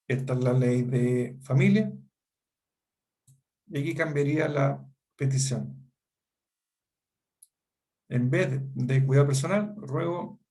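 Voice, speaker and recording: A man's voice: mid-range voice, warm tone. A middle-aged man with a Chilean Spanish accent, teaching a law seminar and often checking whether students follow. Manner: explanatory, asks students rhetorical check-ins. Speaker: law lecturer. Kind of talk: seminar lecture.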